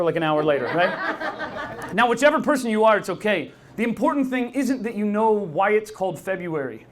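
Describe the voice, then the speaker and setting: A man hosts a live podcast in a bar, talking to the audience in an upbeat, chatty way and frequently throwing questions at the crowd. His voice sits high, and there's a little hiss or hum in the recording.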